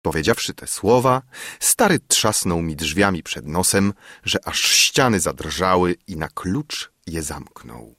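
A man with a lowish, husky voice narrating a literary audiobook in an expressive, dramatic way. His pitch moves widely, and the recording is close and dry with no room sound. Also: unhurried, no room sound. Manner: expressive, dramatic first-person reading.

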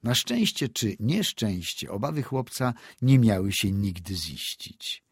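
A man narrating a classic short story aloud in a measured storytelling manner. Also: lowish voice, sing-song, husky, no echo, clean studio sound. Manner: measured storytelling with acted dialogue. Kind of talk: audiobook reading of classic prose.

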